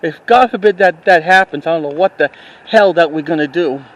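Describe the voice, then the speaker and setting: High-voiced man rambling on a street walk. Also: poor audio. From New York City. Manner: rambling, halting, with frequent restarts. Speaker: vlogger. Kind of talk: casual walking-tour narration. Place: outdoors on a town street. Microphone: handheld camera while walking.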